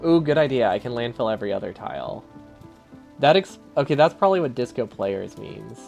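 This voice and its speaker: Male streamer, mid-pitched with a gravelly fry, casual think-aloud play-by-play with frequent chuckles, faint music behind. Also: lively intonation, brisk, highs cut off. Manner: thinks aloud, chuckles often, easily amused. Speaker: game streamer. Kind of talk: live gameplay commentary, answering chat.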